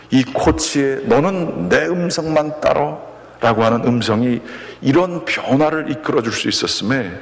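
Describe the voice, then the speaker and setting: A man preaching a sermon as a pastor, telling a story and acting out a coach's shouted encouragement. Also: medium pitch. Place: church sanctuary. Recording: long reverb of a church hall.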